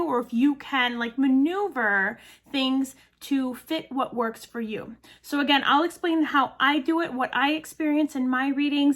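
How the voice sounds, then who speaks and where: Chatty high-voiced woman in her thirties. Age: 30s. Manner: chatty, earnest, addresses viewers directly. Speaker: medium and energy healer, channel host. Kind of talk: casual talk to camera.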